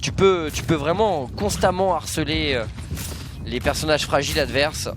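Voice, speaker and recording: High-voiced Frenchman analysing an esports match. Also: moderate pace, music in the background. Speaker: esports co-commentator. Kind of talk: live video game commentary and analysis.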